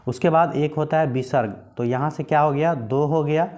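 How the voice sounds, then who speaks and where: A man with a slightly high voice teaches a grammar lesson. He talks patiently, repeats his points and asks questions that he answers himself. He draws out single sounds slowly as he names them. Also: steady tone, a little mellow.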